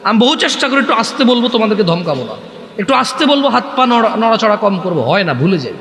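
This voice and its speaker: High-pitched loud preacher man. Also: quick pace. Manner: loud, restless, animated delivery. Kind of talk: sermon at a religious gathering. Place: large gathering, outdoor or hall. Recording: echoey hall, long reverb.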